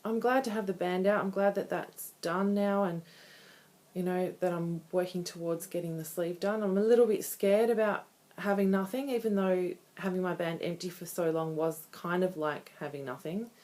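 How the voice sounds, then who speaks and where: Woman, thirties, low-pitched voice, casual vlog chat, candid and conversational. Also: fairly even intonation, moderate pace, darkish tone. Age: 30s. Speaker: vlogger. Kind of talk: casual personal video diary.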